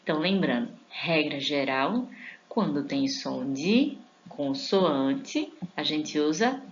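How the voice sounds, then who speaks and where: A woman's voice: sits low, lively intonation, lo-fi sound, a little hiss or hum. A Portuguese-speaking woman teaching an online English grammar lesson, casual with her viewers and drawing out each English example word. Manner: informal, addresses viewers as a group; stretches out English example words slowly.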